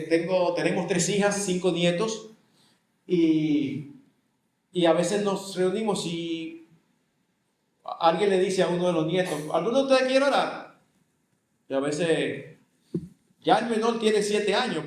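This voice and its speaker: Older Dominican man, pastor, conversational sermon, slightly high voice, echoey room. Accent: Dominican Spanish. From Dominican Republic. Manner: conversational, acts out family dialogues with voices. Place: church hall.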